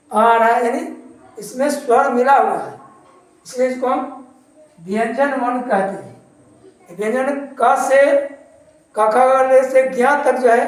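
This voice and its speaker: A woman teacher explains a lesson at an unhurried pace, going over each point twice. Her voice sits a little high. She sounds distant from the microphone in a strongly echoing room. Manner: slow and explanatory, repeats points. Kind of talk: Hindi grammar lesson. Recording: very echoey room, far from mic.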